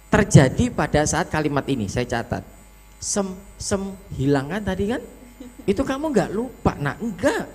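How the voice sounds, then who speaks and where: Animated man giving lively feedback. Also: high-pitched. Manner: animated and affectionate, demonstrating lines aloud. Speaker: competition judge. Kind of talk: spoken feedback to a child contestant. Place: school storytelling competition venue.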